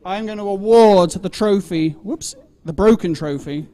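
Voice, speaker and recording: A man's voice: sits high, unhurried, dark tone. A man hosting a live event, announcing results and counting down to an audience. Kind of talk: lively live-show emceeing. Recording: cheering crowd around the voice.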